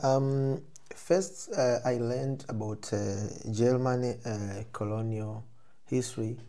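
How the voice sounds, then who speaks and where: Here the same Tanzanian-accented photographer and filmmaker talks slowly in a dark, mid-range voice. As an interview guest he answers conversationally, turning thoughts over and frequently rewording his explanations.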